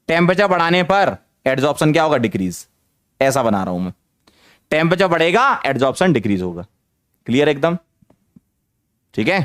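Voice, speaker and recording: A man teaching chemistry in an online lecture, energetic, firing questions at students and repeating phrases to drive points home. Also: fairly high pitch, no echo, clean studio sound. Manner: mixes English terms into speech.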